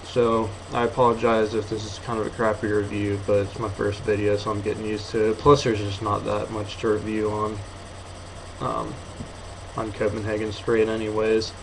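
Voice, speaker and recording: A young man of eighteen talks in a low, very flat voice, slightly muffled by a lip full of dip. He rambles casually and hesitantly, as in a homemade review. The room recording has audible noise behind him. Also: moderate pace. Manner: low-key, hesitant, offhand. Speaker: amateur video reviewer. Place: apartment bedroom. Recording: noisy room sound.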